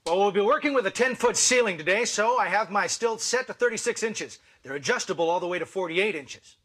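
High-pitched earnest American handyman assistant. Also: expressive, fairly quick, fairly bright tone, breathy edge, full character voice. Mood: earnest, dry. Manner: earnest explaining with dry retorts. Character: earnest, mild-mannered handyman's TV show assistant. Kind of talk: sitcom acting. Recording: noisy studio with audience.

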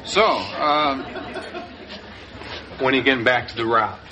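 A man's voice: mid-range voice, measured pace, crowd noise, natural voice, rough recording. An actor playing an easygoing, friendly man chatting with pals in a sitcom. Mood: affable. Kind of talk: sitcom acting before a live audience. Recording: audible studio audience.

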